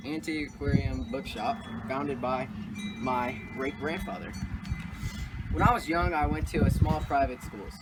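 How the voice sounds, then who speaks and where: A man playing a formal English physicist for a school project, reciting slowly. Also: mid-range voice, slight background noise, natural voice, rough recording. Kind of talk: school project role-play.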